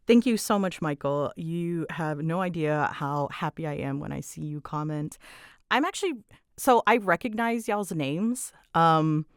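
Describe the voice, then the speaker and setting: In a dry, studio-quality recording, a woman with a low, clean voice speaks a little slowly. She's an audio creator and voice actor answering listener questions off the cuff, nervous and giggly, rambling, cutting herself off and hopping from one thought to the next.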